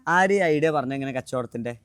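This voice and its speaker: A man, hosting a casual vlog outdoors at a roadside stall and gently teasing children with questions. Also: medium pitch, fairly quick. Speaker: vlogger host.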